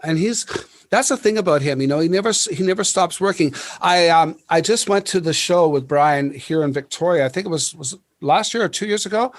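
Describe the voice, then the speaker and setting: High-voiced man telling animated stories. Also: a little fast. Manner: animated, laughing storyteller with many restarts. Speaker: podcast host. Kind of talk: casual storytelling chat.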